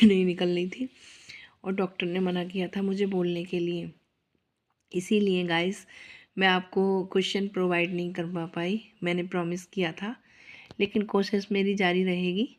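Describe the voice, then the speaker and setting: Woman teacher running quick-fire quiz questions. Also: lowish voice. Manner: asks each question then answers it herself; chatty greeting to her viewers. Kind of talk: quiz-style exam prep lesson.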